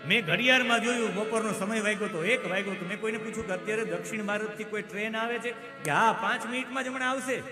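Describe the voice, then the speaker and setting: A man's voice: a little high, expressive, a little fast, natural voice. A man voicing a weeping, pious middle-aged shopkeeper who tells his tale in an earnest, emphatic way. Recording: reverberant hall with music behind.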